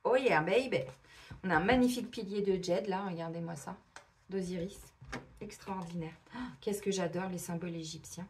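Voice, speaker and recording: A middle-aged woman doing a casual oracle card reading, chatty and animated, acting out little imagined dialogues. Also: lowish voice, a little fast, slight background noise. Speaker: tarot and oracle card reader.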